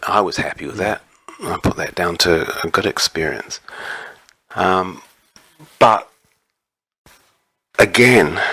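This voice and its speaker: A man answering interview questions about his writing in a relaxed, measured way, often pausing with an um. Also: deep voice, husky. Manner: measured, explanatory, with frequent ums. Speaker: interview guest, writer on magic.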